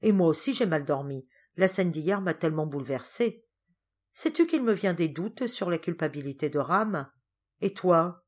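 Agitated father, quick-tempered, exclamatory, read by a woman, fairly low pitch. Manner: excitable, exclamatory.

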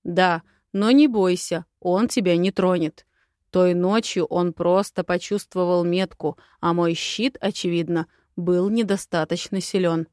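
Woman reading a dragon prince, calm, earnest, steady, audiobook, dry. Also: fairly low pitch, measured pace, no echo, lightly acted.

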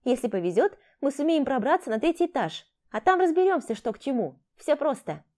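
A woman's voice: high-pitched, big pitch swings, a little fast, voice pushed up. A woman voicing a brash, impatient young female thief who talks in a bossy, snappish way. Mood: brisk, persuasive. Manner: bossy, snappish, sharp-tongued. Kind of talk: audiobook character voice.

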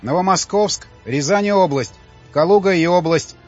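A man doing clipped shouting console operators. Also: high-pitched, normal speed, pitched above the performer's own voice. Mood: urgent. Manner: clipped, loud military reporting. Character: male console operators reporting crisply. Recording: slightly dull audiobook audio, faint music.

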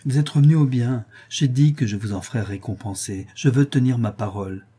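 A man reading an audiobook and voicing a gentle, modest, polite young girl. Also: medium pitch, fairly quick, slightly rough, lightly acted. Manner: soft and polite.

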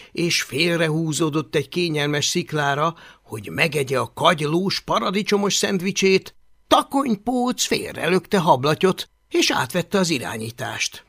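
A man narrating an audiobook in an expressive storytelling manner. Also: a little high. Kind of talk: scripted narration.

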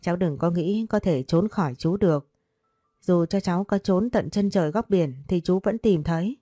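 A woman's voice: fairly low pitch, normal speed, warm tone, slightly rough, no room sound, clean studio sound, soft background music. A woman voicing a doting, possessive older man who speaks tenderly but bossily to his young lover in a storybook reading. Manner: tender, teasing, bossy.

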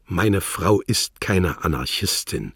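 A guarded, sullen spy, voiced by a male audiobook reader. His low voice is husky and murmured. He sounds sulky and cautious. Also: animated, slow pace, a bit bright, dry recording, clean studio sound, exaggerated voice. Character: sullen, wary middle-aged male shopkeeper-spy. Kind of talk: audiobook character voice.

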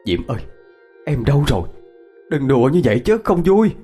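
A man voicing a panicked young male student who stammers and shouts frantically. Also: medium pitch, big pitch swings, a little fast, husky, soft background music. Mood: frantic panic.

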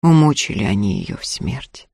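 A man reading an audiobook, voicing a young peasant man who speaks in a flat, lifeless, frozen voice. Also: on the low side, moderate pace, vocal fry, slightly rough, no room sound, studio quality, voice pushed down, heavily acted. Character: young peasant man, cold and numb with despair.

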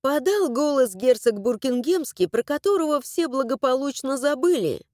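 Woman narrator, fantasy audiobook, animated and mellow, dry close read. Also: high voice, moderate pace, no echo. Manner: expressive, animated storytelling.

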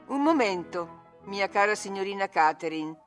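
A woman voicing an earnest housekeeper gently scolding a young lady, in a storybook reading. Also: mid-range voice, expressive, moderate pace, soft background music, natural voice. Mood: reproving. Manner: firm, reproving. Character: older housekeeper, earnest and reproachful.

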